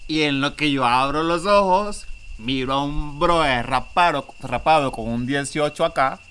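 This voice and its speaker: A man's voice: a little high, unhurried, a bit bright, clean tone. A man animatedly telling a long, slangy story in casual chat, acting out what other people said.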